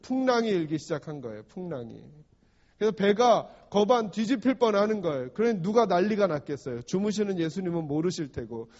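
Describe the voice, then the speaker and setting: In a church sanctuary, a pastor preaches a sermon, frequently asking the congregation questions and acting out short quotes. His high, slightly mellow voice is expressive and a little fast. The sound is dull, with a long hall reverb.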